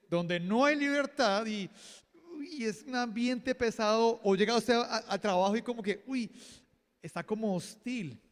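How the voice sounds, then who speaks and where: A man preaching a sermon as pastor, lively and joking, acting out quotes. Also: sits high, big-room sound. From Colombia. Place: church hall.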